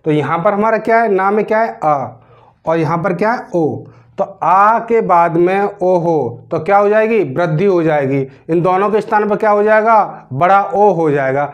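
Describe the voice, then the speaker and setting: High-voiced teacher explaining grammar. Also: male voice, normal speed, muffled recording. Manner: repeats questions to the class, drags out words while writing. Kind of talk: classroom grammar lesson.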